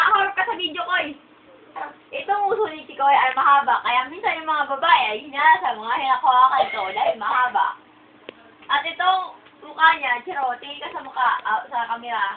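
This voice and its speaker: A woman with a very high, sharply rising and falling voice, teasing and laughing in a casual home video. The sound is thin and phone-like, with a faint hiss behind her. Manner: playful, teasing, often laughing. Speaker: vlogger.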